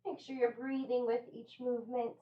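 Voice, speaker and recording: A high-pitched woman coaches a home workout with brisk, encouraging cues. She sounds energetic as she instructs and demonstrates. The recording is echoey, picked up at some distance from the microphone. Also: dull audio.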